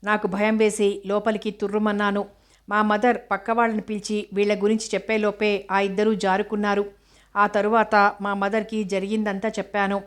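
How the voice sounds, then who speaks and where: A woman narrating a novel aloud in a steady, even storytelling manner. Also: medium pitch. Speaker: audiobook narrator.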